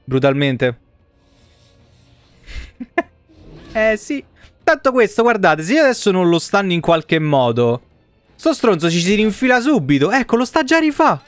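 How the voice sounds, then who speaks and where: With a high, sing-song voice and a measured pace, the streamer leaves long pauses between his blunt, cursing remarks to chat. Game music plays in his indoor home streaming room.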